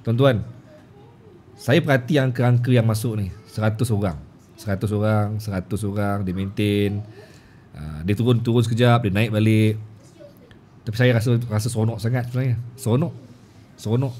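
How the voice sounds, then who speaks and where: A man's voice: on the low side, slight background noise. Stammering, chatty male live-stream host. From Malaysia. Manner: warm thanks, repetitive, with stammered restarts. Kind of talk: casual live stream hosting.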